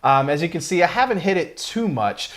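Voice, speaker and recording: A man's voice: fairly high pitch, very animated, fairly quick, fairly bright tone. Enthusiastic rambling man reviewing whiskey. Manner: rambling, enthusiastic, many fillers. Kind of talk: casual chat review.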